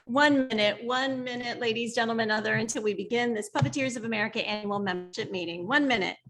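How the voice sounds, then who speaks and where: A woman's voice: on the high side, quick pace, a bit bright. Upbeat woman hosting an online meeting. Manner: upbeat, cheerful emcee, counting down. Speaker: board president hosting meeting. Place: classroom, video call.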